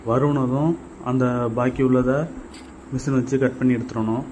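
This Tamil Nadu carpenter speaks with a medium-pitched, dark voice at a moderate pace and a steady tone, with slight noise in the background. On his channel he walks viewers through building a tool step by step, keeping it casual and going over the same points again and again.

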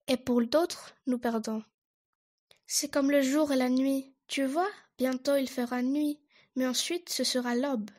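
Woman reading as a gentle mother beaver. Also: high voice. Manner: soothing and reassuring.

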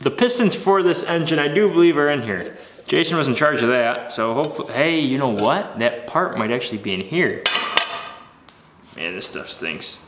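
A young man in his twenties vlogs from his garage workshop, talking into a handheld camera held close and moving with him. His mid-range voice swings widely in pitch at a normal speed over a noisy background. The energetic workshop vlog is upbeat and jokey, with a motivational streak.

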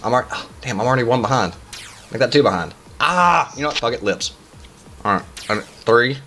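A man in his thirties giving casual, halting commentary as host of a gaming challenge video, with exclamations and muttered asides. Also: mid-range voice, expressive, sharp tone. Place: small room indoors. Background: music.

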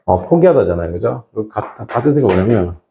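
A middle-aged man teaching an English reading class to high school students, often asking rhetorical questions. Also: lively intonation, brisk, gravelly, muffled recording, background noise. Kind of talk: classroom lecture.

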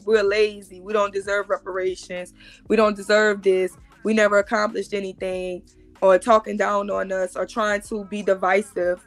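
Speaking in a mid-range voice, a woman in her thirties guests on a live stream over video call. Her explanations are emphatic and frequently repeated.

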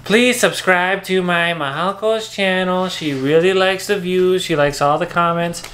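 A woman's voice: on the low side, measured pace, a bit bright, slight background noise. A woman vlogging about her pet, chatting in a playful, teasing way. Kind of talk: casual chat to camera. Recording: echoey room, faint music.

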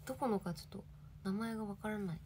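A woman's voice: medium pitch, quick pace, mellow, a little hiss or hum. A young woman in her twenties, an idol livestreaming, chatting casually and reading viewer comments with giggly, bubbly energy.

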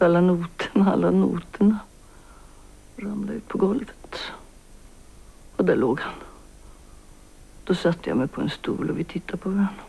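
Older woman in her 60s, bitter and guilt-ridden, hushed and halting, husky and gravelly voice, TV drama. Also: lowish voice. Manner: hushed, halting, often whispered confession. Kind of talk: 1990s Swedish TV drama acting.

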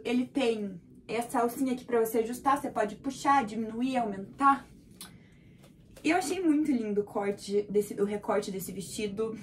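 A young woman with a Brazilian accent talks through a clothing haul in a high, bright voice. She gushes and repeats words for emphasis, shivering from the cold as she goes. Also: a little hiss or hum. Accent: Brazilian Portuguese. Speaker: fashion vlogger. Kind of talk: casual clothing haul vlog.

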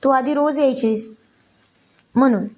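A woman's voice: high-pitched, measured pace, a little mellow. A woman voicing a young husband who scolds his wife but stays fond of her, in a read-aloud story.

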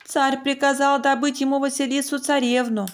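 A woman's voice: high-pitched, flat delivery, normal speed, close to an everyday voice. A woman voicing a humble, polite young male archer in a fairy tale. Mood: distressed. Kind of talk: storybook narration in character.

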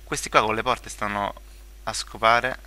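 A man's voice: lowish voice, fairly even intonation, normal speed, bright, forceful tone. A young man giving casual gameplay commentary, rambling with many fillers, restarts and joking asides. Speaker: gaming video creator.

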